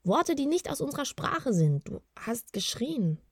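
A woman's voice: lowish voice, animated, a little fast, darkish tone, dry recording, studio quality. A woman voicing a worried, bearded male kobold who talks in an anxious, urging way in a storybook reading. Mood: uneasy.

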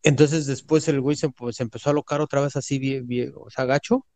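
Mexican guy telling a story casually, slangy, keeps repeating stuff for emphasis, mellow dark voice. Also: mid-range voice, fairly even intonation, a little fast, no echo. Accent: Mexican Spanish.

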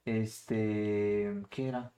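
Slangy Mexican man, slow, echoey. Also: on the low side, level tone, dark tone, faint music behind. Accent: Mexican Spanish. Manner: slangy, teasing. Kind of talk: casual chat.

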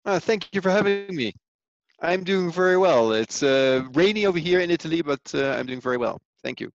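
Gravelly Dutch-accented man, halting. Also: a little high, expressive, lo-fi sound. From Netherlands. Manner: hesitant, many fillers and restarts. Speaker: business coach guest. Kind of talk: explanatory interview answers.

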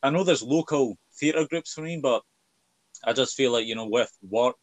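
A man's voice: mid-range voice, normal speed, dry recording. Scottish man, dry close-sounding recording. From Scotland. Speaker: podcast host. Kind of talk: casual interview chat.

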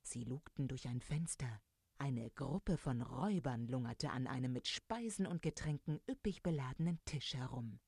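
A woman narrating a fairy tale in a calm, storytelling manner. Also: a bass voice, normal speed, gravelly, slightly rough, dry recording, studio quality. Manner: calm storytelling, voices characters.

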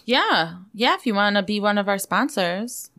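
A woman's voice: medium pitch, lively intonation, normal speed, sharp tone. A woman co-hosting a podcast in casual, blunt, profane chat peppered with "like". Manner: blunt, sweary, heavy on "like". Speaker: podcast co-host.

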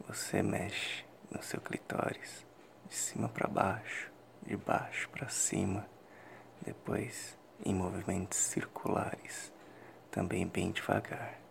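A man with a Brazilian accent in a whispered role-play, giving intimate, slow and deliberate instructions in a breathy close whisper to an adult listener. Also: deep voice, steady tone, slight background noise.

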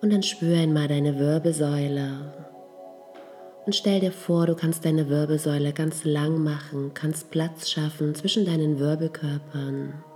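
A woman with a low, mellow voice guides a meditation, speaking slowly and softly. Her tone stays calm and unhurried throughout, with faint music beneath her. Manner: slow, soft, calm instructions.

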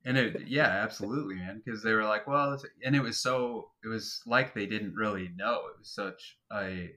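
Bright-voiced laid-back man chatting. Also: on the low side, moderate pace. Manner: laid-back, swears casually, lots of fillers. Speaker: podcast co-host. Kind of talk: casual chat.

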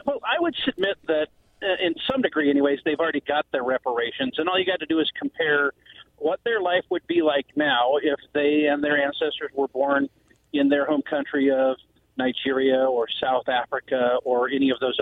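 Male radio caller on a phone line, gravelly and lively in pitch, argues slowly. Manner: deliberate, argumentative, with pauses and fillers. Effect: phoned-in voice on a call-in radio show. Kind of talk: casual call-in opinion. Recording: tinny phone line with faint noise.

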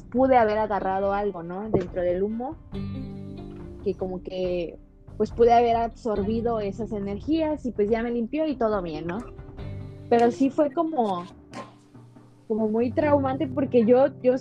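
A young woman, a podcast guest telling a personal story in an animated way, full of "o sea" and "¿no?". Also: fairly high pitch, normal speed, muffled recording, soft background music. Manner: animated, fills talk with "o sea" and "¿no?". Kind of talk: casual storytelling.

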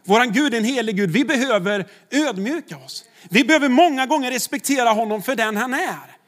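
A man's voice: very high voice, fairly bright tone. A man, a pastor, preaching a sermon in a conversational way, with rhetorical questions to the congregation.

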